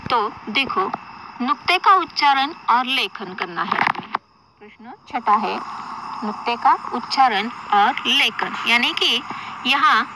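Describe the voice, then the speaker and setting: A woman teacher talks through a school lesson at an unhurried, deliberate pace, her voice sitting a little high. She repeats key words and turns them into questions for her pupils. The recording carries clear background noise, with vehicles passing now and then. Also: expressive.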